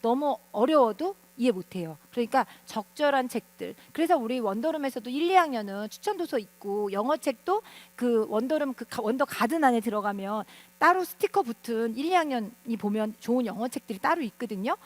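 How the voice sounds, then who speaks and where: High-voiced woman lecturing parents. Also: fairly quick, few pauses. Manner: animated, asks the audience questions. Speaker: teacher speaking at a parent seminar.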